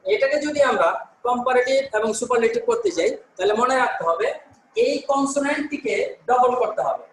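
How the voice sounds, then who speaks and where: A man's voice: very high-pitched, animated, a little fast, reverberant, slight background noise, low-quality recording. A male teacher from Bangladesh giving an online class, explaining step by step, answering his own questions and correcting himself with "sorry". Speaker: English teacher.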